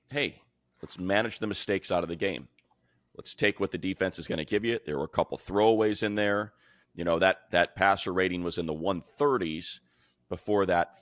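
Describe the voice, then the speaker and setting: The sound is dry and close as a deep-voiced podcast co-host talks football in a relaxed, colloquial way. His tone is fairly bright, and he comes across as one analyst bantering with another.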